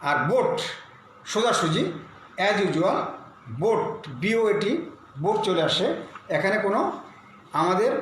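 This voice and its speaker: High-voiced male teacher in echoey room. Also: fairly bright tone. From Bangladesh. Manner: explains slowly, spells words letter by letter. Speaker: English teacher. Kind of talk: online lesson. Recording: very echoey room with faint hiss.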